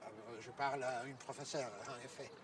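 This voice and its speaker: A man's voice: mid-range voice, little pitch movement, a little fast, far from the mic, over a noisy crowd, natural voice. A man playing a courteous Orthodox priest. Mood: calm. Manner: polite, explanatory, hesitant with fillers. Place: outdoors at an ancient site.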